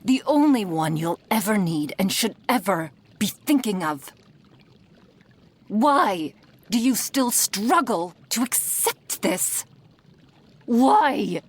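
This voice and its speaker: Here her voice sits at medium pitch, close to how she'd normally sound, with lively intonation, a moderate pace and few pauses. Still the menacing, possessive fox-spirit witch of the ASMR roleplay, cruelly affectionate, condescending and prone to whispering, she is now angry and scolding.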